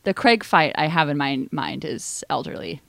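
Low-voiced wry woman podcaster. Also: moderate pace, creaky, dry recording. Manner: joking, wry, animated storyteller. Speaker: podcast co-host. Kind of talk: casual comedic chat.

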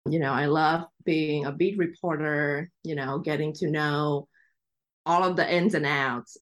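A young Vietnamese woman, Vietnamese being her first language, tells her story as a guest journalist in a casual interview. Her voice is low-pitched with a fairly bright tone. She's chatty and reflective, with light laughs.

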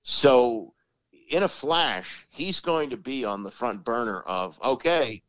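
A middle-aged man chatting casually as a sports commentator, emphatic and halting, often repeating words as he makes his point. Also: mid-range voice, lively intonation, fairly bright tone, no echo.

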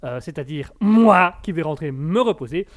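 A man's voice: fairly high pitch, lively intonation, moderate pace. A man hosting a live radio call-in show in a playful, joking way, often hesitating and restarting. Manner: playful, jokes with his own made-up characters; hesitant, with many fillers and restarts. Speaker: radio host. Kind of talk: casual live call-in chat.

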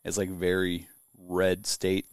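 A man hosting a casual podcast chat, laid-back, laughing often and trailing off quietly. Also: deep voice, completely flat delivery, slow pace, clear, resonant tone, no room sound, clean studio sound. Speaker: podcast host.

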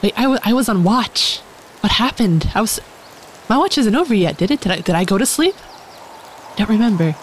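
A woman's voice: medium pitch, lively intonation, a little fast, long pauses, pitched above the performer's own voice, close to an everyday voice. A woman playing a good-hearted, defiant female adventurer in a tabletop game, speaking in an earnest, questioning and emphatic way. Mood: confused, startled. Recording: faint rain noise behind.

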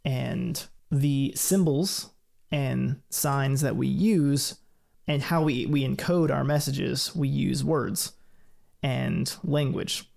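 A man talks through ideas in an easygoing conversational way. His voice has a heavy gravelly fry, and he thinks aloud with light laughs. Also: medium pitch, slow pace, a little mellow. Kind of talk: casual explanatory chat.

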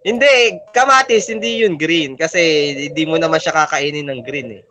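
A man with a Filipino accent co-hosting a casual podcast game, lively and playful. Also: on the high side, normal speed. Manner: lively, sings jingles playfully. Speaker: podcast co-host.

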